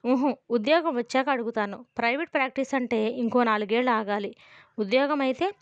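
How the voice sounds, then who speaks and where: A woman's voice: fairly high pitch, a little fast, no room sound, lightly acted. A woman reading the part of a shy, earnest young man who gets flustered easily. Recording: dull, dry lo-fi recording.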